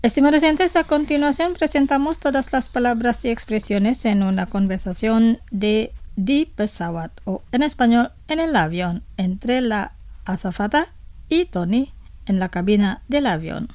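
Slow-spoken woman teaching on radio. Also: on the high side, lively intonation, a little mellow, no room sound. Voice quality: slow, careful repetition of each word. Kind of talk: scripted radio language lesson.

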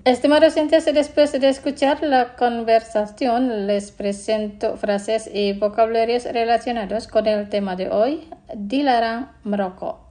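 Woman as radio lesson presenter; higher voice, deliberately slow, says each word twice for listeners to repeat. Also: fairly even intonation, dark tone.

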